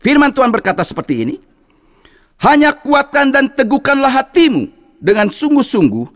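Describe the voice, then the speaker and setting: A male pastor delivers a sermon in a high voice that leaps up and down with animation. He leans on his key phrases and repeats them to drive them home. He tells stories as he preaches. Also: sing-song, normal speed, fairly bright tone. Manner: tells a story with acted quotes.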